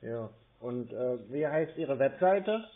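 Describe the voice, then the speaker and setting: On a thin, band-limited phone call, a man speaks slowly at medium pitch with lively intonation. He's a scam-baiter playing a customer, chatting casually, matter-of-factly, and with a touch of hesitation.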